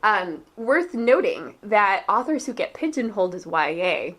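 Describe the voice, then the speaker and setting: Chatty, animated woman podcast co-host. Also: medium pitch, unhurried. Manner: animated and chatty, acts out quotes, laughs, says "like" often. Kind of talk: casual book discussion.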